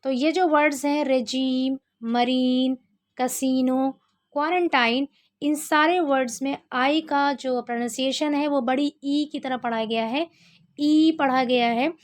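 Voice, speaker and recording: A woman giving a pronunciation lesson, reading example words slowly and repeating each point as a question. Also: high-pitched, fairly even intonation. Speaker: English teacher.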